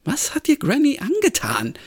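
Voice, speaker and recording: A man voicing a wary, sharp-tongued woman sleuth who presses with sarcastic questions. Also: extremely high pitch, huge pitch swings, moderate pace, voice pushed up, full character voice. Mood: suspicious.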